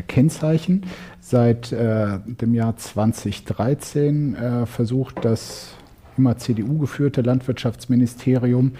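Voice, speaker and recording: A man's voice: medium pitch, mellow, slight background noise. A man interviewing a politician, pressing critical questions with frequent hesitations. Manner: probing, hesitant with many fillers. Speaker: journalist interviewer. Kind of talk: political talk show interview.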